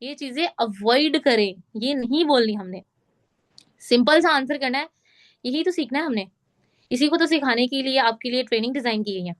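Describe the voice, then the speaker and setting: A woman running an online sales training, explaining step by step and often checking that everyone follows. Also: high voice. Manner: instructive, repeats check questions. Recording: call audio.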